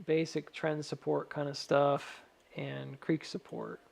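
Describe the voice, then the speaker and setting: A man with a whistle on his s sounds gives casual, technical chart commentary, thinking aloud in a measured, cautious way. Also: on the high side, flat delivery, creaky, a little mellow. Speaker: stock chart analyst addressing viewers.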